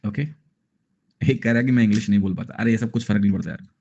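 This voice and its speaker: A man's voice: lowish voice, fairly even intonation, rapid-fire, vocal fry, warm tone, dull audio. Chatty Indian male math teacher. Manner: chatty, jokey, mixes Hindi with English phrases. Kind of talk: online math class with chatty asides.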